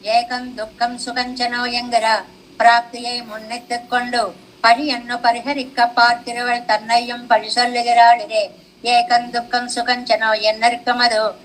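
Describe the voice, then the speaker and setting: High-voiced woman teaching scripture. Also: flat delivery, measured pace, a bit bright, a little hiss or hum, rough recording. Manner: explanatory, asks rhetorical questions and answers them; recites classical verses and commentary in a chanting cadence. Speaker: religious teacher. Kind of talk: devotional discourse explaining scripture commentary.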